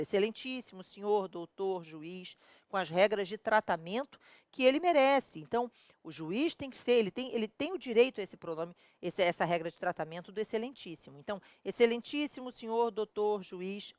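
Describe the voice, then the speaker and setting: A woman's voice: fairly high pitch, dry recording. A woman with a Brazilian accent teaching a law exam prep video lesson, colloquial and full of rhetorical questions to her students. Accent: Brazilian Portuguese. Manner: addresses viewers directly and familiarly.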